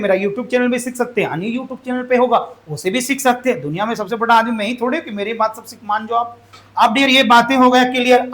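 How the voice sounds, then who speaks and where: A man's voice: extremely high pitch, fairly bright tone. A man teaching an English grammar lesson, firing questions at the class and having them repeat the answers. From Jharkhand, India.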